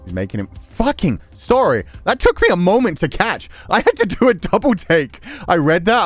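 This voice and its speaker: Casual visual novel commentary comes from a streamer who reads the on-screen text, reacts on the fly, and curses without holding back. His voice is on the high side, with no room sound.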